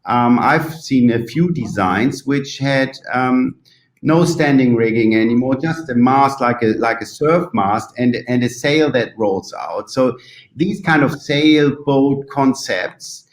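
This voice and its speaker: A man with a German accent, a native German speaker, giving thoughtful interview answers haltingly, searching for words as if translating in his head. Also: mid-range voice. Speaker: interview guest from the yachting industry. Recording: roomy, echoing sound.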